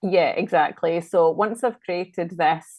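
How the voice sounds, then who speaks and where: A woman's voice: lowish voice, slow pace, darkish tone, no room sound. A woman with a Scottish accent, a designer chatting casually and thinking aloud as she works through a live-stream demo. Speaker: designer guest.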